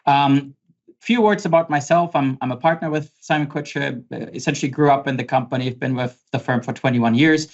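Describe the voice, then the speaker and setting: A man's voice: medium pitch, fairly quick. A man in his forties with a German accent, presenting a webinar from his office in a conversational way, with many fillers and repeated words. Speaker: pricing consultant presenting a webinar. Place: home office. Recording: slightly dull lo-fi audio.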